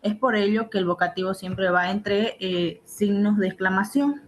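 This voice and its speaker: A woman's voice: medium pitch, normal speed, a little hiss or hum, poor audio. A woman teaching assistant giving an online grammar lesson, explaining step by step and checking in with her students.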